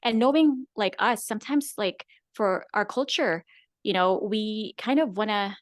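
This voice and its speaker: A woman from the Philippines, appearing as a guest content creator, chats casually in an interview, peppering her speech with "like" and "right?". Her mid-range voice is unhurried, and the studio-quality recording has no room sound.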